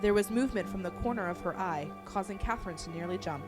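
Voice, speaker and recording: A woman's voice: mid-range voice, fast talker. Woman narrating a suspenseful horror tale. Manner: suspenseful, hushed at tense moments. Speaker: storyteller. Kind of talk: dramatic horror story narration. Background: music.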